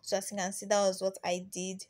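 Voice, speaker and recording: Here the Nigerian nail tech sounds completely flat and darkish in tone, mid-range and fairly quick. Still chatty in her beginner tutorial voice-over, she repeats herself and keeps restarting with ums.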